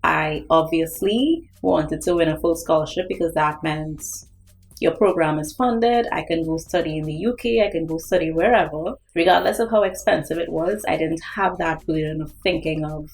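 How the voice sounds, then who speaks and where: A woman's voice: sits low, normal speed, vocal fry, poor audio. A young woman from Trinidad and Tobago, an artist hosting her own vlog and speaking earnestly and directly to her viewers. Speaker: artist and channel host. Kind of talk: vlog talk to camera.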